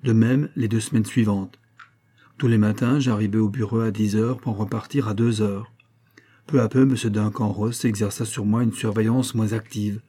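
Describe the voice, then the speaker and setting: Man doing an indignant middle-aged pawnbroker, audiobook, dark tone. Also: fairly low pitch, steady tone, normal speed, close to an everyday voice. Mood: aggrieved. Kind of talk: audiobook reading.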